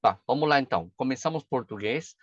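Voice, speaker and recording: Chatty teacher, dull dry recording. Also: male voice, medium pitch, expressive, fairly quick, dry recording. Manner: chatty, frequent "tá?" and "né?" check-ins. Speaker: pronunciation teacher. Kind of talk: casual video lesson.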